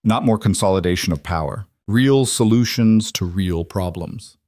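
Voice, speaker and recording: Werewolf king voiced by a man, stern, measured, low voice, dry close sound. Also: a little mellow, no room sound, lightly acted. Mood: earnest. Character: stern male werewolf king, protective and grim.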